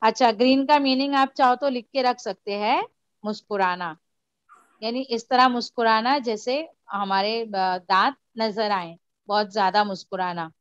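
A woman's voice: on the high side, unhurried, smooth, no room sound, dull audio. A woman teacher explaining a story to a class, patiently repeating and mixing in English. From India. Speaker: school teacher.

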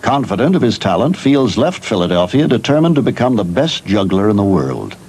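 A man's voice: lowish voice, very animated, brisk, a little mellow, slightly rough. A middle-aged man presenting a documentary with polished, scripted storytelling narration.

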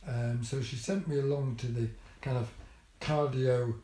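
Speaking unhurriedly and with fairly even intonation, an older vlogger tells about his trip to the hospital in a dark, mid-range voice. The room echoes, and his wry, dry storytelling is full of ums and restarts.

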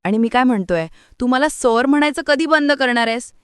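A woman voicing a calm young husband who reassures gently and drawls slow English phrases. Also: sits high, clear, resonant tone, no echo, studio quality, voice pushed up, lightly acted. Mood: soothing.

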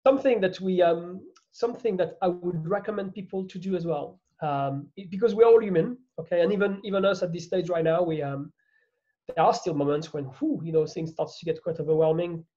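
A man's voice: sits high, a little fast, warm tone, highs cut off. A man with a French accent, a guest in an interview, talking earnestly with many restarts. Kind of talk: casual interview chat.

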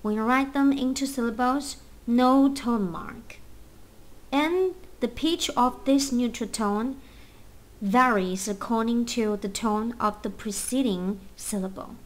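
A woman teaching a Mandarin lesson, explaining tones patiently and leading repeat-after-me drills with clear enunciation. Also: on the high side, takes it slowly.

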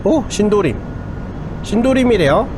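A man's voice: high-pitched, big pitch swings, normal speed, noisy background. A man giving casual, chatty live gameplay commentary, musing aloud as he goes. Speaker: game streamer.

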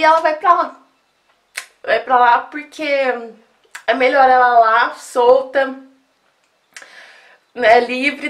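High-voiced woman vlogging on a phone. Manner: talks straight to viewers, soft and sad. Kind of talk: casual phone vlog.

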